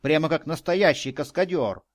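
A man voicing an eager, admiring young boy sidekick in an audiobook, speaking in excited exclamations. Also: medium pitch, takes it slowly, dry recording, clean studio sound.

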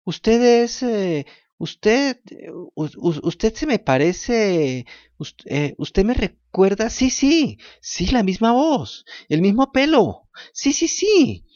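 A man voicing a cheeky, lazy wooden puppet boy in a high, childlike, pleading voice. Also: wildly swooping pitch, normal speed, dry recording, muffled recording. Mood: tearful. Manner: high pleading childlike voice, stammers when moved.

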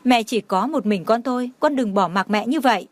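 A woman's voice: fairly high pitch, fairly quick, lightly acted. A woman voicing a desperate young mother in an audio story, pleading and tearful. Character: desperate young mother searching for her son.

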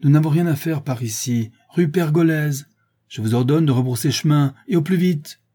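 A man's voice: lowish voice, normal speed, mellow, slightly rough. A man voicing a proud, determined English detective who speaks in clipped, commanding lines.

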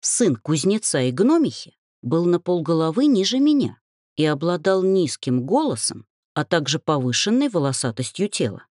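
A woman narrates a fantasy storybook with an expressive reading. Her voice sits low but moves lively through the lines, recorded dry and close with no room sound. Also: moderate pace, dry recording. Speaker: audiobook narrator.

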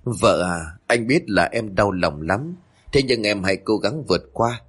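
A man voicing a devoted young husband who speaks gently and pleads, in a storybook reading. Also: on the low side, lively intonation, brisk, slightly rough. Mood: gentle.

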